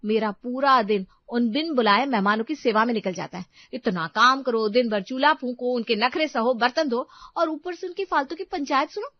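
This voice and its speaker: A woman voicing a sharp-tongued young daughter-in-law who complains with indignation. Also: fairly high pitch, moderate pace, no echo, lightly acted. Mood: indignant. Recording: dry, slightly dull sound.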